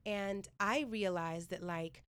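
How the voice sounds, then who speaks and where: Exploring ideas on a podcast, a Northern California playwright and professor speaks thoughtfully, often saying "like" and restarting her sentences. Her mid-range voice is smooth and fairly bright. She keeps a steady tone and a slow pace.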